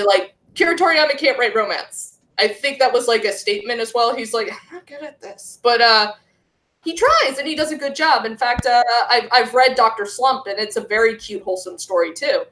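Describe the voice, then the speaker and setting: A woman's voice: fairly high pitch, lively intonation, normal speed, fairly bright tone, a little hiss or hum. A woman who is a guest on a podcast, chatting casually and ranting at length. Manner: ranting, talkative. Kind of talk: casual chat. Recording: roomy echo.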